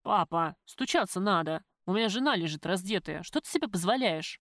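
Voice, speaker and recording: A woman's voice: fairly low pitch, animated, brisk, no room sound. Brief: woman narrator doing a spoiled young husband, sullen and defiant, grumbling back at his father; dry close read. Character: sulky young man, a spoiled newlywed son.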